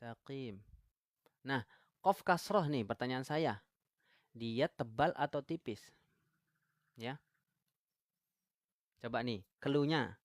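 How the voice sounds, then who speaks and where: A man's voice: medium pitch, animated, slow pace, pauses often, no room sound. Indonesian man teaching tajwid live. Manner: asks viewers questions, reads out comments. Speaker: Quran recitation teacher. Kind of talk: live-stream tajwid lesson. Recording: live stream, dry close mic.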